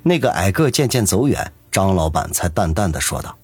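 A man narrating a serialized novel with expressive storytelling. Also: sits low, moderate pace, slightly rough, no room sound, soft background music. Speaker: audiobook narrator.

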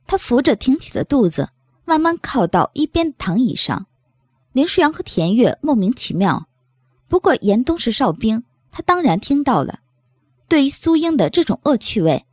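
Woman, novel narration, lively melody, breathy, dry close recording. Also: fairly high pitch, no echo. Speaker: audiobook narrator. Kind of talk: novel reading.

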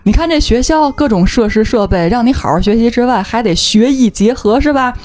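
A woman's voice: fairly high pitch, animated, a little fast, darkish tone. A woman from Tianjin chatting casually as a podcast co-host in a jokey, bantering way. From Tianjin, China. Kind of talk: casual chat.

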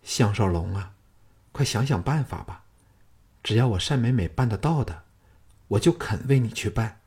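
A male narrator voicing a tender, wistful young palace consort in a raised, hushed voice. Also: mid-range voice, expressive, moderate pace, breathy edge. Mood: eager.

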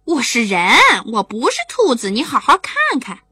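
A woman's voice: a little high, huge pitch swings, normal speed, pushed and bright, slightly rough, dry recording, full character voice. A woman voicing a cheerful, curious little boy in a children's bedtime story, eager and questioning. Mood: puzzled.

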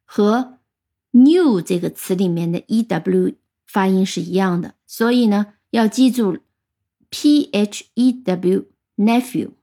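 Mellow-voiced woman teaching English words. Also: mid-range voice, a little slow. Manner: patient, spells out words letter by letter. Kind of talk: vocabulary lesson.

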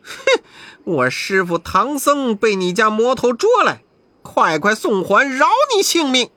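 A brash monkey king barks taunts and orders, as a male storyteller acts him out. His voice leaps high and loud with sweeping pitch. It sounds close and dry, like a storybook reading. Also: very animated, measured pace, no room sound, exaggerated voice. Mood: defiant. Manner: shouting, scornful.

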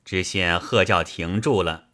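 A man reading a classic novel aloud in a slow, expressive storytelling style. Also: sits low.

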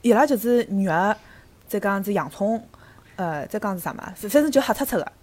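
A woman's voice: mid-range voice, animated, fairly quick, a little mellow. A woman with a Shanghai accent chatting casually about food. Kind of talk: casual chat.

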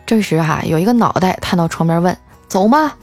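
A woman's voice: on the low side, fast, darkish tone, faint music behind. Wry, chatty woman storyteller. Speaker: storyteller host. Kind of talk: comic storytelling monologue.

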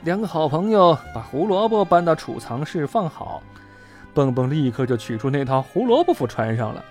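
A storyteller reading a children's animal story aloud in an expressive, animated way. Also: mid-range voice, normal speed, faint music behind.

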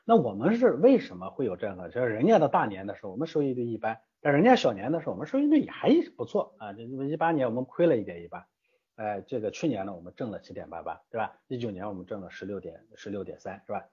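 A man's voice: on the low side, very animated, racing, husky, muffled recording. A man answering interview questions as a guest from an investment platform, emphatic and full of rhetorical questions.

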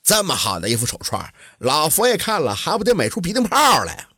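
Lively, husky man telling a folk tale. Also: fairly high pitch, fairly quick, dry recording, clean studio sound. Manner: lively, colloquial storytelling. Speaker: storyteller.

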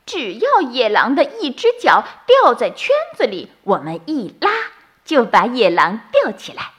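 A clever little rabbit, the eldest of three, speaks in a high, confident voice, as a woman storyteller puts it on. It sounds self-assured and full of ideas. It belongs to a children's bedtime storybook. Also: wildly swooping pitch, measured pace, fairly bright tone, husky, full character voice.

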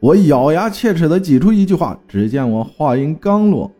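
A man's voice: a little high, animated, moderate pace, dark tone, soft background music. A man telling a first-person horror story with dramatic storytelling and terse spoken commands.

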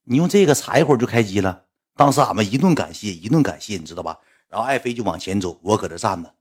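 A man telling stories on a livestream in a lively, rambling, exasperated way. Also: on the low side, fast, breathy edge. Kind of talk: casual storytelling on a livestream.

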